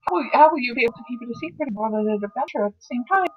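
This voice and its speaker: A woman's voice: a little high, lively intonation, racing, husky. A woman playing a tabletop role-playing game, bantering casually over a dull, lo-fi voice chat.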